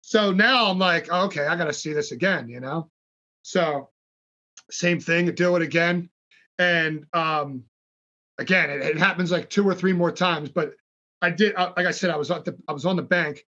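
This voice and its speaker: A man guest on a podcast, telling stories in a casual, animated way, swearing freely and acting out what people said. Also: fairly high pitch, normal speed, lo-fi sound. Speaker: podcast guest, fishing brand founder. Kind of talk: casual storytelling.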